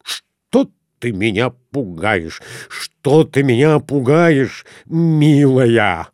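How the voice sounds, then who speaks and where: A man's voice: medium pitch, lively intonation, a little mellow, no room sound, clean studio sound. A man playing a jittery fleeing husband. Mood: fretful. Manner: fretful, hurried pleading. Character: jittery middle-aged husband desperate to flee.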